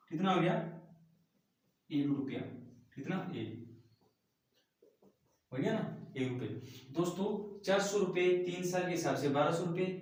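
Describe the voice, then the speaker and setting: A male math teacher works through a problem step by step, often turning to the class as friends. His voice sits a little high for a man. It rings through a very echoey room and sounds set back from the microphone. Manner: explains step by step, often addresses listeners as friends. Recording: very echoey room, mic at a distance.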